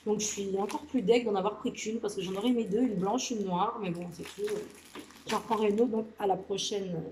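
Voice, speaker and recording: A woman's voice: mid-range voice, fairly even intonation, a little fast, a little mellow, echoey room, slight background noise, rough recording. A woman vlogging casually about a nail polish haul, chatty and gushing, with lots of filler words. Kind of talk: casual product haul video. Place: indoor room with a lamp.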